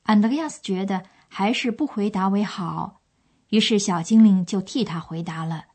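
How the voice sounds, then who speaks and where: Woman narrating a lesson, medium pitch. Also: moderate pace, a little mellow, husky. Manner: explanatory, storytelling. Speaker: language course presenter. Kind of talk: scripted narration.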